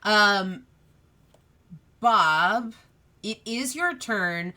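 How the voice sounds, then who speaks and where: A woman's voice: medium pitch, animated, very slow, pushed and bright. A woman speaking as game master, casually narrating a tabletop role-playing game and calling for rolls.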